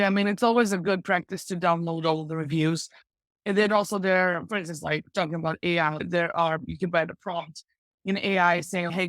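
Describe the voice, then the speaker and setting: Her voice sitting low, with no room sound around it, a woman appears as a podcast guest offering practical e-commerce advice. The interview is casual and advice-focused, and she's chatty and enthusiastic, peppering her speech with "like".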